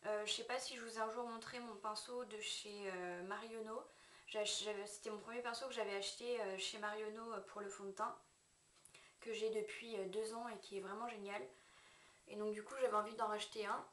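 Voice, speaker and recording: A woman giving a casual makeup brush review to her viewers, chatty and hesitant, often pausing and correcting herself. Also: medium pitch, little pitch movement, fairly bright tone. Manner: chatty, hesitant, with frequent fillers and self-corrections. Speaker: beauty vlogger. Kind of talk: casual product review to camera. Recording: echoey room, mic set at a distance.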